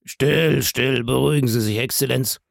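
A man reading an audiobook and voicing a calm, phlegmatic bandit chief who answers in an unhurried, dry, mockingly courteous way. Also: mid-range voice, gravelly, no room sound.

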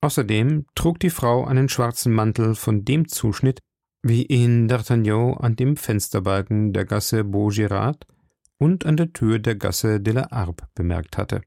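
A man reading a classic novel aloud as an audiobook narrator, steady and measured. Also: on the low side, gravelly, no room sound, studio quality. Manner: steady storytelling delivery. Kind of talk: scripted narration.

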